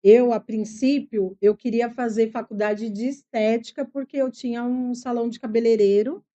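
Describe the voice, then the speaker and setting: Speaking at a moderate pace with fairly even intonation, this middle-aged woman has a slightly high, warm voice, and the recording's highs are cut off. A psychologist with a São Paulo Brazilian Portuguese accent, she's a podcast guest telling personal stories, reflective and earnest, patient in her explanations.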